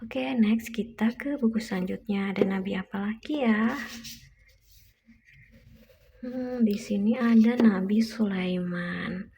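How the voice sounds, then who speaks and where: A woman's voice: mid-range voice, slow pace, gravelly, pauses often, mellow. A woman reads a children's picture book to a toddler, taking her time over each phrase. She repeats and explains lines in simple words. The recording is dull and lo-fi, with noise behind her. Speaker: mother reading children's books aloud. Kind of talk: reading a picture book aloud to toddlers, with chatty asides. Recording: muffled lo-fi recording with background noise.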